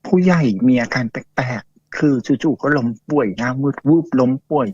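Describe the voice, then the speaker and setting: A man's voice: medium pitch, moderate pace, a little mellow, husky, no echo. A man telling a ghost story to a host in a chatty, casual way, full of fillers and acted-out quotes. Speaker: guest storyteller. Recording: dull lo-fi dry audio.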